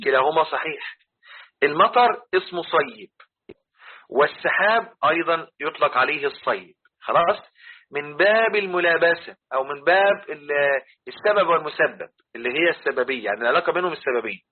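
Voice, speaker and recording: Husky Egyptian teacher over a tinny line. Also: male voice, fairly high pitch, expressive, brisk. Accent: Egyptian Arabic. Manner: repeats points and keeps checking understanding. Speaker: religious teacher. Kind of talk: explaining Quran commentary to a class. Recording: tinny phone-like recording.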